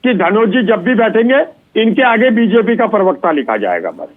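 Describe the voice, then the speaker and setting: A man's voice: high-pitched, very animated, normal speed. A man on a debate panel, making mocking, teasing asides at the other guest. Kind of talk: heated political debate. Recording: tinny phone-like remote line.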